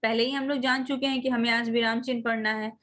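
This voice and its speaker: Woman teacher leading a video-call class for young kids; high, patient voice, coaxing pupils by name. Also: level tone, a bit bright. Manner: slow, drawn-out reading of example sentences; coaxing, addresses children as beta. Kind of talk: online class lesson.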